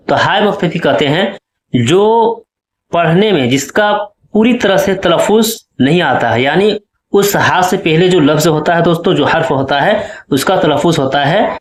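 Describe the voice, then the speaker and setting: A man's voice: on the high side, roomy sound. A male teacher explaining exam questions step by step and often checking that his students follow. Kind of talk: exam-prep lesson.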